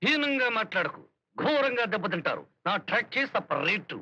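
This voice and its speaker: An actor playing a scheming, boastful harmonium player in a film comedy, theatrical in delivery. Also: male voice, high voice, very animated, normal speed, sharp tone, slightly rough, no echo, heavily acted. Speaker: comic lead. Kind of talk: Telugu film comedy dialogue. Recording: dry, dull film soundtrack.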